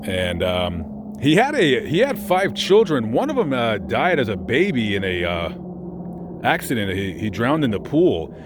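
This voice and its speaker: A man's voice: medium pitch, sing-song, measured pace, background noise. A man chatting casually while visiting a cemetery, meandering with lots of fillers and self-corrections. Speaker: vlogger visiting famous graves. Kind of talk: casual rambling commentary. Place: outdoors at a cemetery.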